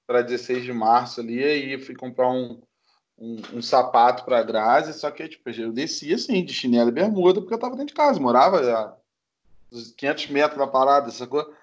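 A man's voice: mid-range voice, lively intonation, a little fast. A Brazilian man co-hosting a podcast, telling a story in a blunt, slangy way. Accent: Brazilian Portuguese. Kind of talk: casual chat.

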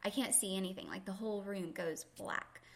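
Speaking briskly in a mid-range voice, a woman yoga teacher on a podcast tells heartfelt, thoughtful stories about her faith and her teaching. She laughs easily throughout this conversational, faith-focused storytelling.

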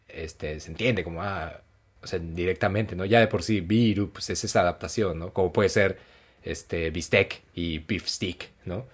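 Mexican man, low voice, animated casual storyteller. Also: husky. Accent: Mexican Spanish. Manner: animated storyteller, jumps to high acted voices for quotes; colloquial, many fillers. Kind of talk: casual chat.

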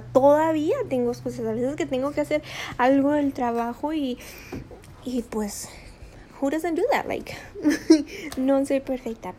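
High-voiced woman rambling on her podcast. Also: mellow, slight background noise. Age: middle-aged. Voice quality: high, girlish voice. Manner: rambling, full of "o sea" fillers, switches into English. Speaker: podcast host. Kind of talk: casual motivational monologue.

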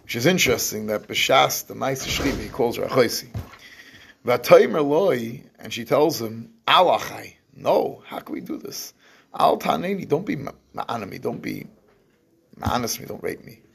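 Teaching scripture, this man goes through verses at length in English mixed with Hebrew terms, frequently starting his phrases over. He speaks at normal speed in an expressive, husky mid-range voice with vocal fry.

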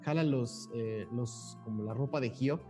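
A man narrating as game master of a tabletop game, in lively, animated narration. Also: medium pitch, measured pace, in a large hall, music in the background.

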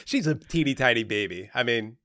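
Brief: young male podcast guest, relaxed rambling talker, dry close-miked sound. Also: mid-range voice, dry recording. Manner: laid-back, rambling with lots of "like" and "um". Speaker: podcast co-host, special guest. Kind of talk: casual chat.

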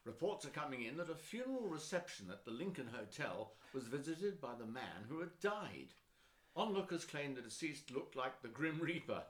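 A formal television newsreader, voiced by a man, reading in a measured broadcast manner. His pitch moves in a lively way and sits a touch high. The recording has a roomy echo.

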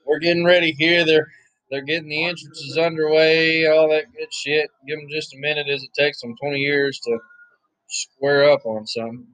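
A hoarse man, giving laid-back, chatty play-by-play commentary on a wrestling match, with offhand asides. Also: a little high, level tone, normal speed, a bit bright, no room sound, poor audio. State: hoarse, losing his voice. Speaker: wrestling watch-along commentator.

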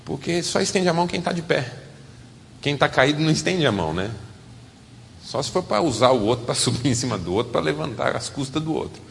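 A man with a Brazilian Portuguese accent preaching a sermon as a pastor, animated and swinging from loud to soft. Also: fairly high pitch, fairly quick, creaky, big-room sound, a little hiss or hum.

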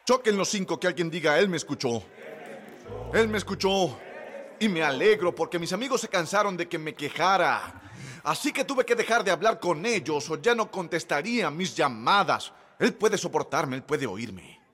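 A man preaching a sermon in a church, joking and conversational, swinging from soft asides to shouted peaks. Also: a little high, expressive, moderate pace. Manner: jokey and conversational. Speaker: pastor.

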